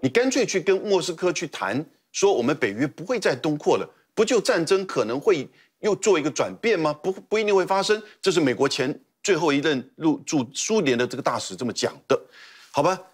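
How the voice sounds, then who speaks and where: A man's voice: on the high side, very animated, fairly quick, husky. A man, a guest commentator making an argumentative, emphatic case with repeated words. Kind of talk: heated political commentary. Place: TV studio.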